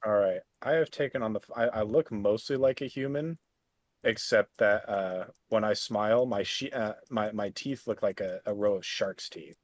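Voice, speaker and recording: A man's voice: on the low side, moderate pace. A man chatting casually as a player describing his character in a tabletop game.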